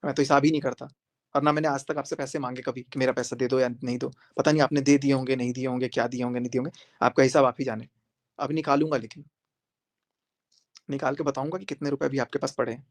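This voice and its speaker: A man's voice: mid-range voice, flat delivery, quick pace. A man speaking on a live stream to his viewers, emphatic and confrontational, repeating his points for force. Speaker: social media creator.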